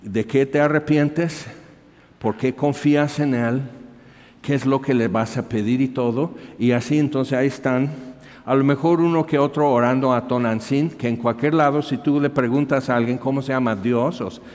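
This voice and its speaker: A man's voice: mid-range voice, steady tone, moderate pace, darkish tone. A man, preaching as a missionary and animatedly telling a story from his work. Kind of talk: storytelling sermon. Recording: reverberant hall.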